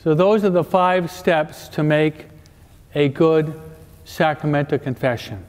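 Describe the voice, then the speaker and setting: A man's voice: on the high side, measured pace. A man giving a parish talk as a priest, mixing jokes with teaching and often checking in with his audience. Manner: joking, keeps checking the audience with questions. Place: large church. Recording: echoey church with long reverb.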